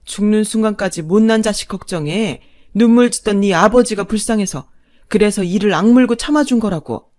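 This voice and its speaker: A woman voicing an older mother-in-law, long-suffering but now defiant, scolding loudly and forcefully. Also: medium pitch, a little fast, lightly acted. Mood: furious.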